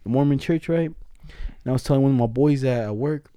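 A young man with a dark, mellow voice, recorded close and dry. He tells stories casually in thick slang, slipping into acted-out quotes as he goes. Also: medium pitch, brisk, smooth, no room sound. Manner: animated retelling with acted-out quotes, heavy slang. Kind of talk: casual slangy banter and storytelling.

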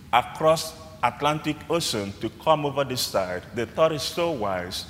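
Male priest giving a slow sermon in a big church, cathedral echo hanging on every phrase. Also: mid-range voice, a bit bright, slight background noise. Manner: measured, phrase-by-phrase preaching. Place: large church. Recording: long church reverb, faint room ambience.

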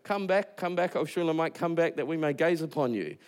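A man's voice: a little high, brisk, smooth. A man with a New Zealand accent, a pastor preaching a casual sermon, acting out quotes in a joking, conversational way.

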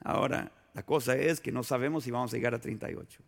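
A pastor preaching a sermon in a conversational, storytelling way, full of rhetorical questions and acted-out anecdotes. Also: male voice, mid-range voice, fast talker, gravelly. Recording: long hall reverb.

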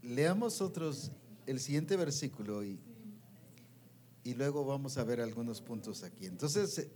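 A man preaching a sermon who reads scripture slowly and keeps asking the audience questions. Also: medium pitch, mellow. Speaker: preacher at a women's discipleship meeting. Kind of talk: sermon with Bible reading.

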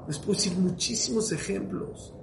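Male rabbi, sermon delivery, gravelly slightly high voice, hushed-to-loud swings with rhetorical questions. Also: normal speed, noisy background. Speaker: rabbi giving a Torah talk. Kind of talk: sermon to a live audience. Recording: roomy echo.

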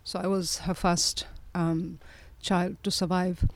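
A Somali woman in her forties, a presidential candidate, appears as a guest on an interview podcast and reflects on her life story, often restarting sentences and laughing softly. Her voice is lowish with little pitch movement, she speaks slowly, and there is no echo.

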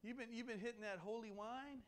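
A man puts on a young servant who can't believe what he's hearing, talking in loose street slang and ribbing his master with mocking questions. The voice sits high and scoffing. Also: fairly quick. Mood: mocking disbelief.

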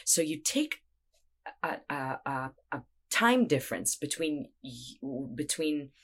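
A woman's voice: low voice, very animated, slow pace, husky. A woman in casual conversation, explaining ideas in a reflective, spiritual way.

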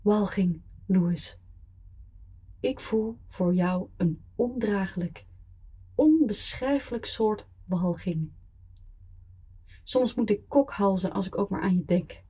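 Icy ex-wife, read by a woman, controlled, cutting, iron-voiced, husky, audiobook. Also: medium pitch, slow pace, long pauses, warm tone. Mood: icy contempt.

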